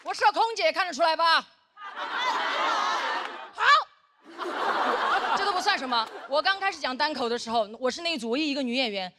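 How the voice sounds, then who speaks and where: A woman doing stand-up comedy on stage, chatty and bright. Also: high voice, expressive, brisk, pauses often. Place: stage before a live audience. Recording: live stage recording with a loud crowd and noise.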